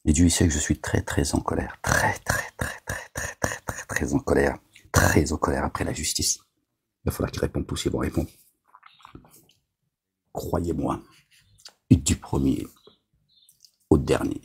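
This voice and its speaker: A man's voice: a bass voice, steady tone, moderate pace, creaky, pauses often, husky. A man delivering a rambling, agitated monologue to his viewers, scolding them as a self-styled preacher, with constant verbal tics.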